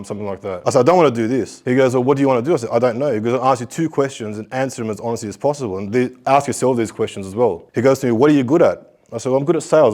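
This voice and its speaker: In a school hall, a middle-aged guest speaker motivates students by recounting his life and performing the dialogue from it. He has a mid-range, slightly mellow voice and a storytelling manner.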